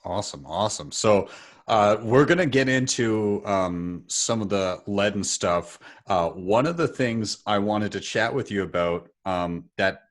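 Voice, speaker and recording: A man's voice: on the low side, unhurried. A man in his thirties hosting an interview, upbeat and conversational, speaking from a home office into a studio mic. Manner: upbeat, conversational, with filler words. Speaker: podcast host. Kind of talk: casual interview. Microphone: studio mic with headphones.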